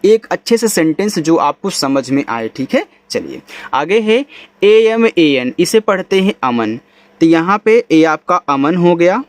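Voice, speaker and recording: A man teaching English reading, spelling words letter by letter, then saying them slowly. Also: fairly high pitch, very animated, dry recording. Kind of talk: spelling-out phonics lesson.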